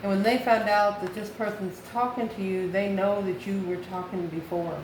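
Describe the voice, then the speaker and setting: Speaking at a moderate pace in a steady, medium-pitched voice, this American tarot card reader offers an informal, improvised reading, thinking out loud and replying to her own questions. Clear background noise and room echo are present.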